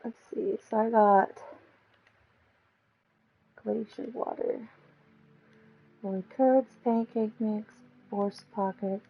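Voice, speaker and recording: Gravelly, chatty woman gaming streamer. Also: mid-range voice, fairly even intonation, slow pace, long pauses, lo-fi sound. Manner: chatty, playful, talks to herself. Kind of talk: casual gameplay commentary.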